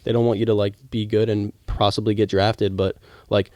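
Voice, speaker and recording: A young man with a low, mellow voice talks college baseball on a podcast, rambling and restarting his sentences as he gets worked up. The sound is dry and close. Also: flat delivery, moderate pace, dry recording. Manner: rambling, many restarts, heated. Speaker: podcast co-host, former college baseball player. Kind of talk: casual sports talk.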